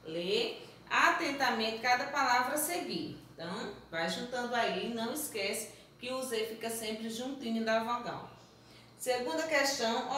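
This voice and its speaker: High bright-voiced teacher in an echoey room. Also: female voice, distant mic. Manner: patient, sounds out letters and syllables slowly, calls pupils "amores". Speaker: primary school teacher. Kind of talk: recorded phonics lesson for young children. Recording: very echoey room, voice off-mic, faint noise.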